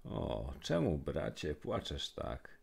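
A man voicing a cheerful, bold young male hobbit in a rhymed storybook poem, with a very deep, gravelly voice. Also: huge pitch swings, slow pace, full character voice. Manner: rhythmic verse delivery.

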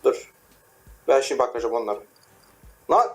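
A man's voice: mid-range voice, moderate pace, very noisy. A young man hosting a gaming channel, joking and laughing as he chats with teammates during a match. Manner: laughs often, teasing and joking. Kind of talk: casual gaming banter.

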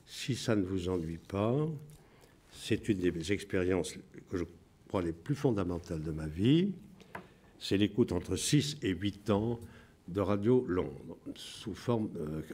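A man in his seventies from France, a writer talking reflectively in an interview, deliberate, with pauses and restarts. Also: low voice, animated, mellow, slightly rough. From France (Bordeaux).

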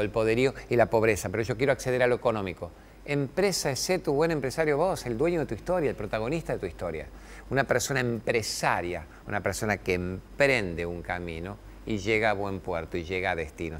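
Argentine guy hosting a tv talk, kinda low voice, preachy, stretches out key words, bit of hiss behind. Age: middle-aged. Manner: emphatic, preachy, drawn-out pauses on key words. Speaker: TV show host. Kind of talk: motivational spiritual talk to camera. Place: TV studio with camera crew.

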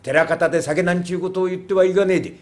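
A slow-witted country servant at a temple drawls in a thick rustic dialect, as a rakugo teller puts him on. The voice sits a little high for a man. It is a live comic story performance. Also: fairly even intonation, lightly acted. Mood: scolding.

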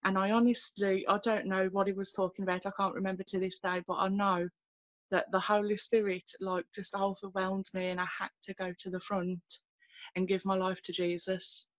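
Woman telling her faith story on a webcam call from home, earnest, halting, lots of fillers, pretty flat voice, dry sound. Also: medium pitch, no echo. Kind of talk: personal testimony in a video call. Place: small room at home, indoors. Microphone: laptop webcam on a video call.

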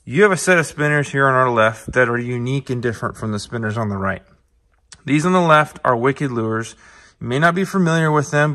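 Hosting a fishing show, a man gives an upbeat, conversational tackle tutorial at a tabletop demo in his indoor shop, speaking straight to viewers and calling them "guys." His voice is medium-pitched, pushed and bright.

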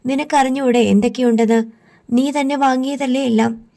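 Stern protective granny scolding her girl, read by a woman, mellow tone, slightly high, audiobook. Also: fairly even intonation, normal speed. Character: strict protective grandmother, older woman.

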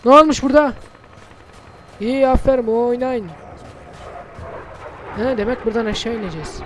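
A male gaming host giving casual gameplay commentary, brash and excitable, swearing and shouting at the characters on screen. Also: very high voice, moderate pace, slight background noise. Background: game music.

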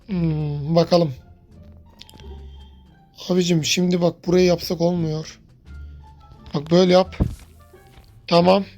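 A man giving lively let's-play commentary, chatting to his viewers and yelling when something startles him. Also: a little high, takes it slowly, long pauses, faint music behind. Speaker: gaming YouTuber.

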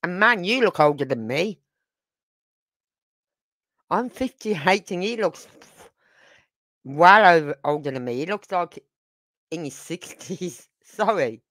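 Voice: medium pitch, expressive, takes it slowly, pauses often, fairly bright tone, no room sound. A chatty true crime host in their fifties talks over the footage and often poses rhetorical questions. The voice is recorded close and dry, with no room sound. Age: 50s. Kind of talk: casual commentary.

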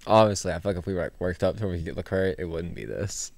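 Laid-back young man, slightly low voice. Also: animated, very fast, gravelly, a little mellow. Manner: laid-back, lots of "like" fillers, laughs often. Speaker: podcast co-host. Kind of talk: casual chat.

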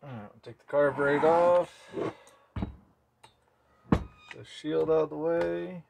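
A chainsaw mechanic and video host gives a casual hands-on demonstration at an indoor workshop bench, speaking offhandedly in short phrases as he works. His voice is on the high side, slow, with a darkish tone. Background noise is clear, along with clicking from handling tools.

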